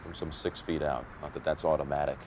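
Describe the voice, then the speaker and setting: A man anchoring live golf commentary in an understated, measured way. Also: a bass voice, fairly even intonation. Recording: outdoor broadcast, faint background noise.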